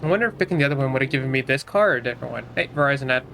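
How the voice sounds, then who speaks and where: A man's voice: mid-range voice, animated, rapid-fire, creaky, pushed and bright, a little hiss or hum. A man giving casual let's-play commentary, muttering and mocking himself to viewers as he plays at a desk mic. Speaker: gamer streaming a playthrough.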